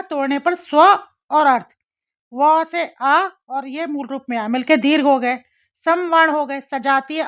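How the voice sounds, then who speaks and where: A woman's voice: sits high, fairly bright tone. A woman teaching a grammar lesson, explaining step by step, repeating syllables and asking questions to her students. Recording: slightly dull lo-fi audio.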